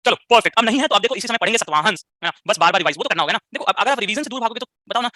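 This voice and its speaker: Rapid, sharp-voiced male teacher. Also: high-pitched, animated, no room sound. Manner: fires rhetorical questions, frequent tag questions; mixes English phrases into Hindi. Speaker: history teacher. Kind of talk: live online class lecture.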